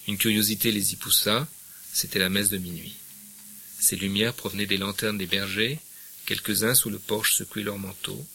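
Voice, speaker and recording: Middle-aged man, literature lecturer, low husky voice, bright tone, expressive reading, hesitant asides. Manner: expressive reading, hesitant fillers when commenting.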